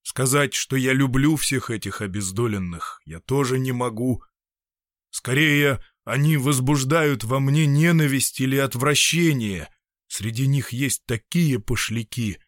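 A man playing an anguished, gruff doctor. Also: mid-range voice, no echo, clean studio sound, close to an everyday voice. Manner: despairing, emphatic outbursts. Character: anguished, gruff middle-aged male doctor.

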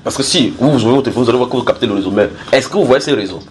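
Fast-talking male preacher teaching a group. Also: mid-range voice, lively intonation, a little hiss or hum. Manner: explanatory, repeats key phrases, builds everyday analogies; asks listeners questions and draws call-and-response. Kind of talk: sermon-style Bible teaching to a group.

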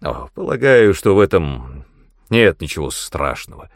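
A man voicing a grumpy, blustering male demon mentor in an audiobook, given to loud indignant outbursts. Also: low voice, big pitch swings, unhurried, dry recording, clean studio sound, exaggerated voice. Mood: grudging. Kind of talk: audiobook character reading.

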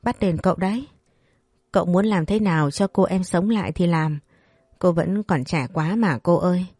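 A woman's voice: on the low side, normal speed, mellow, dry recording, clean studio sound, close to an everyday voice. A woman voicing a frightened young servant girl who pleads in a whiny way. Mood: wailing.

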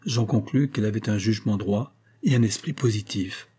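A man reading a classic novel aloud as an audiobook, in a measured, earnest first-person storytelling manner. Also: fairly low pitch, dark tone, breathy edge. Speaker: audiobook reader. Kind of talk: literary audiobook narration.

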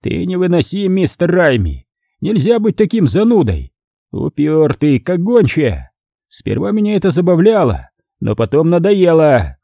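A man's voice: a little high, big pitch swings, unhurried, vocal fry, mellow, no echo, studio quality, pitched above the performer's own voice, exaggerated voice. A man voicing a ruthless, mocking middle-aged male crime lord in an audiobook, speaking in a sneering, imperious way.

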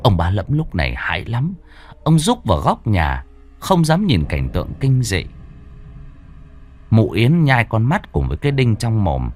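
A man's voice: huge pitch swings, unhurried, darkish tone, soft background music. A man narrating a horror story in a theatrical, dramatic way. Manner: theatrical, swinging pitch widely for effect.

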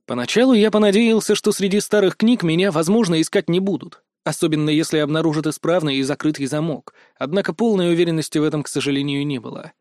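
A man reading a first-person audiobook in a tense, expressive way. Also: fairly high pitch, fast, few pauses, no echo, studio quality. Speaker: audiobook narrator.

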